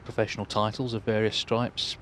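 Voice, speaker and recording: A man giving measured snooker commentary as a match commentator. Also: lowish voice, flat delivery, fairly bright tone, slight background noise.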